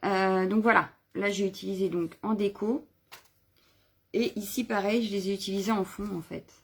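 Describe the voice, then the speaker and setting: A woman's voice: medium pitch, steady tone, normal speed. A woman chatting casually on a live craft video, showing her stamps and stencils, rambling with fillers and self-corrections. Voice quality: husky, gravelly.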